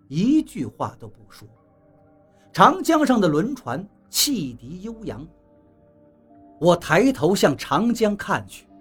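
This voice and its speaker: Audiobook narrator, husky first-person storyteller, animated delivery. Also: mid-range voice. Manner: lively, expressive storytelling with acted dialogue.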